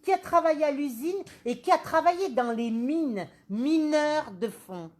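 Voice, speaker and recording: Lively woman medium, high voice. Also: unhurried. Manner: animated, questioning, repeats "on me le donne". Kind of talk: live medium reading.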